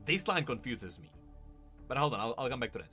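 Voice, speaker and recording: A man with a medium-pitched, sharp-toned voice gives very animated, fairly quick gaming commentary to his livestream chat. He speaks emphatically and repeats phrases for stress, with music in the background.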